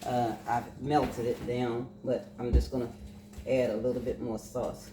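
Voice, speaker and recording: An older woman with a rumbling low voice speaks a little slowly with little pitch movement, chatting through a casual cooking vlog in her home kitchen and humming as she savors her food. The kitchen echoes, and the background is noisy with clattering dishes.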